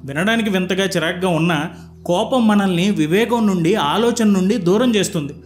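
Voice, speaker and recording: A man narrating stories and explaining their lessons in a calm, scripted telling. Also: sits high, moderate pace, soft background music.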